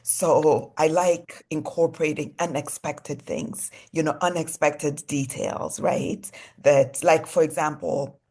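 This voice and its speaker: A low-pitched young woman from Congo chats easily as a guest in an interview. She speaks in loose, relaxed sentences, leaning on "you know" and "like" as she explains her work. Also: slow, few pauses. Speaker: fashion designer guest. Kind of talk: casual interview chat.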